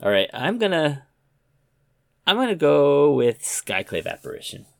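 Gravelly low-voiced man, dry sound. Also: big pitch swings, a little slow, dry recording. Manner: hesitant, lots of ums and trailing off. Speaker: podcast co-host. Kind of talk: casual chat.

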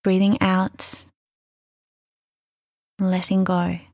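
A woman guides a mindfulness meditation at a very slow pace. Her voice is soft and soothing, with a gravelly fry and breathy phrase endings. The sound is dry and close, and each gentle instruction is given room. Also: medium pitch, completely flat delivery, dry recording. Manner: soothing, unhurried, gentle instruction with long pauses.

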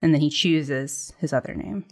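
A woman's voice: deep voice, normal speed, a little mellow. A young woman chatting casually, rambling with many fillers as she explains. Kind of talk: casual chat planning a comedy sketch.

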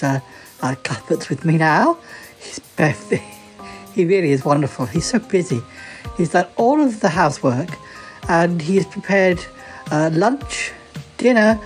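A woman's voice: on the low side, a little mellow, close to an everyday voice, rough recording. A woman playing a theatrical, effusive presenter who laughs often and calls everyone darling, with faint music behind.

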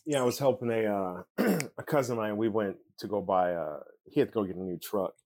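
A man's voice: on the low side, a little fast, darkish tone. A man hosting a podcast, easygoing and plain-spoken as he tells a personal story and asks questions. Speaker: podcast host. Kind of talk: casual interview chat.

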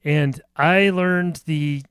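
A man's voice: fairly high pitch, fairly even intonation, very slow, fairly bright tone, smooth, no room sound, studio quality. A middle-aged man from rural Nebraska co-hosting a casual chat, easygoing and laughing a lot. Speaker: podcast co-host.

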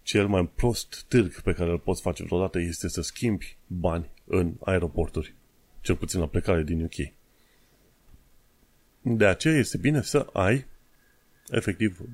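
A man with a very low voice talks casually to his viewers, addressing them directly as if giving a friend advice. He breaks off to slow down and repeat single words, showing how they are pronounced. The recording is dry and close, with no room sound. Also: darkish tone, no echo. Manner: slows down to repeat and demonstrate English pronunciations; chatty, addresses the listener directly. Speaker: vlogger giving tips on life in Britain. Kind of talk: casual explanatory talk.

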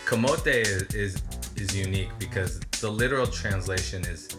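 A man's voice: low voice, moderate pace, loud music behind the voice. A man hosting a podcast, narrating and joking in a dry, playful way. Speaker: podcast host.

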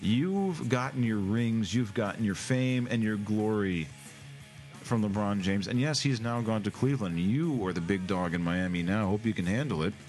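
A man's voice: lowish voice, expressive, normal speed, darkish tone, soft background music. A man hosting a comedic podcast, ranting in a sarcastic, mock-emotional and theatrical way. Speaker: podcast host.

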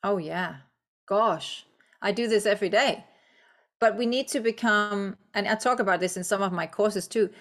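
Here a medium-pitched woman from Denmark, Danish by first language, is interviewed in English on a podcast as a guest author and coach. Her tone is reflective and encouraging, and fillers crop up frequently.

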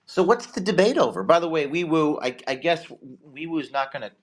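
A man's voice: on the high side, animated, fairly quick. A man hosting a casual livestream, talking conversationally and often repeating words as he restarts sentences. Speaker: livestream host.

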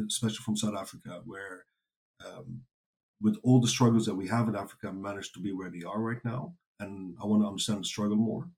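With a lowish, slightly mellow voice, a man who grew up speaking Dutch answers an interviewer informally. He rambles, using many fillers and restarts, and laughs readily as the guest.

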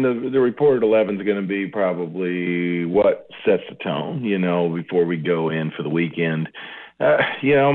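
A man answering interview questions over the phone as a market analyst, talking in a loose conversational way with lots of fillers and restarts. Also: deep voice. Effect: speaking over the phone. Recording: tinny phone line.

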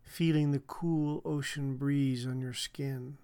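A man speaking as a hypnotherapist on a podcast, measured and soothing in his delivery. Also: mid-range voice, steady tone, mellow, clear, resonant tone. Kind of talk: guided hypnotic relaxation and explanation.

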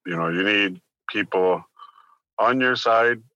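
A man from Arctic Canada, giving plain-spoken, reflective interview answers and pausing between phrases. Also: fairly low pitch, pushed and bright, no echo, muffled recording. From Arctic northern Canada. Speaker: interview guest, business owner.

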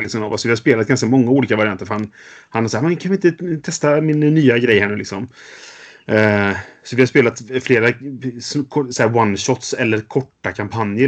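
A man with a fairly low voice chats on a podcast. He rambles and restarts his sentences often, leaning on fillers as he thinks aloud. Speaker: podcast co-host. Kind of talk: casual chat.

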